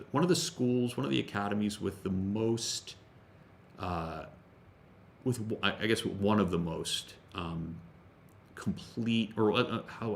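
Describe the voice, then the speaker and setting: Gravelly low-voiced man telling a rambling story. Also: a little hiss or hum. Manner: rambling, with frequent restarts and fillers; casual, with the odd swear word. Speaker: jiu-jitsu instructor. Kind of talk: casual storytelling during a workout stream.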